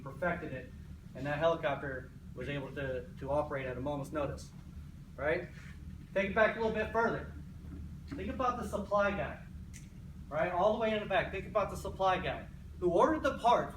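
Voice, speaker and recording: American army guy doing a pregame speech, kinda high voice, emphatic, far from the mic. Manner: emphatic, repetitive, often tags phrases with "right?". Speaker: US Army sergeant, motivational speaker. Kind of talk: pre-game motivational speech. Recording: echoey, noisy room, distant mic.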